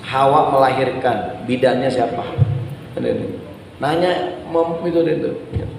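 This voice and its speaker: A man's voice: mid-range voice, measured pace, vocal fry. A man preaching in a mosque, chatty and humorous, acting out the questions of everyday people and often turning to his audience. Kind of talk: mosque sermon. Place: large mosque hall. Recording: echoey hall with faint room noise.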